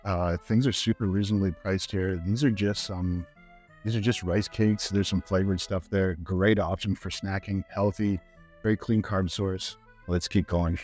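A Canadian fitness vlogger in his thirties chats upbeat to camera on a lapel mic while walking through a grocery store, using fillers. His low voice is fairly even, a little mellow and at normal speed, with soft music in the background.

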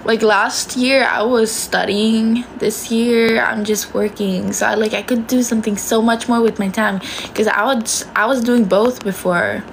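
Young Swedish woman, phone held close, loose and chatty, a bit of vocal fry. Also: a little high, fairly even intonation, measured pace, a little hiss or hum, rough recording. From Sweden. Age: young adult. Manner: chatty, swears casually, switches between languages. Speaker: livestream host. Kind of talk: casual chat reading viewer comments. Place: small bedroom indoors.

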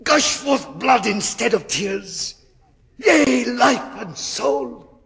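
An actor playing a desperate male scholar facing damnation, swinging from hushed, husky whispers to anguished cries. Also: medium pitch, animated, a little slow. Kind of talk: classical stage acting. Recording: hall reverb.

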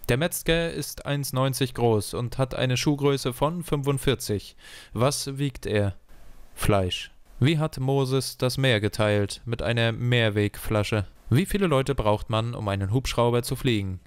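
A man reading a string of one-liner jokes in a deadpan question-and-punchline rhythm, slowing down for each punchline. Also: mid-range voice, clean tone, dry recording. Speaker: joke teller.

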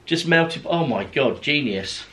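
A man chatting casually with his partner on a home vlog, relaxed and enthusiastic. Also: mid-range voice, unhurried.

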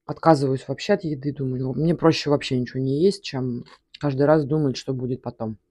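A woman vlogger chatting casually with her mouth full, talking between bites in a halting way. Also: extremely low pitch, steady tone, mellow. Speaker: mukbang vlogger. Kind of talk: casual eating vlog chat.

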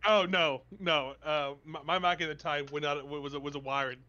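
A man gaming with a friend, telling crude stories in a deadpan way and acting out the quotes. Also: on the high side, moderate pace, dull audio. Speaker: co-player and friend. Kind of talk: casual gaming chat with a friend.

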